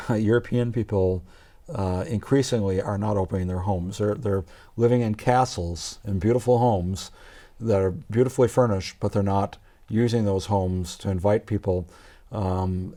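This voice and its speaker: Low, mellow pastor. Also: male voice, fairly even intonation, measured pace. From Canada. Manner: earnest, with constant brief agreement sounds. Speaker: pastor and guest. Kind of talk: conversational interview.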